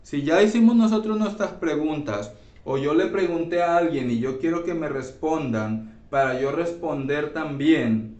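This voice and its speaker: A man teaching an English grammar class, explaining slowly and checking in with his students often. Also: a little high, darkish tone. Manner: slow, repeats and checks with "¿sí?". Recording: echoey room, voice from far off.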